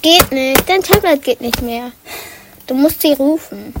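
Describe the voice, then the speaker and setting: A woman's voice: sits high, animated, a little slow, noisy background. A woman playing a sympathetic but firm young girl, consoling and matter-of-fact in improvised pretend play.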